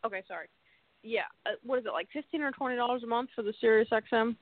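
A man hosting a casual radio talk show, talking through a bluetooth headset mic that cuts out over a phone line, in a rambling, relaxed way. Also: very high voice, quick pace, no room sound. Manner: rambling, relaxed, filler-heavy. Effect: bluetooth headset mic over a phone line, cutting out. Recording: tinny dry phone line.

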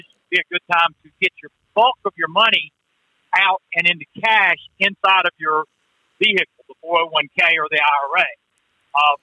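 Man, caller, buzzy glitchy phone audio, high voice, very bright and dry, halting restarts. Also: dry recording, low-quality recording. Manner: halting, restarts and trails through filler words. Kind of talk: call-in radio chat.

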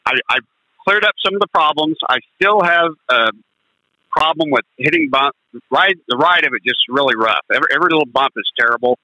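A man calling in on a crackly phone line that cuts in and out, talking in a hesitant, halting way with many fillers. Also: a little high, animated, sharp tone, no echo. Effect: crackly phone line cutting in and out. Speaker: caller. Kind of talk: call-in radio question.

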